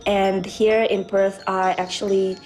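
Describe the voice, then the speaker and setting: A woman's voice: medium pitch, little pitch movement, slow pace, darkish tone, faint music behind. A young woman from Indonesia, talking about her life in a personal documentary interview, chatty and a little hesitant. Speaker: featured resident.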